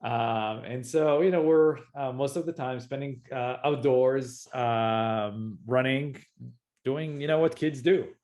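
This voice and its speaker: Israeli guy in his 40s, startup founder, talks slow with lots of ums, mid-pitched. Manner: hesitant, many fillers and restarts, relaxed. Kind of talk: casual interview.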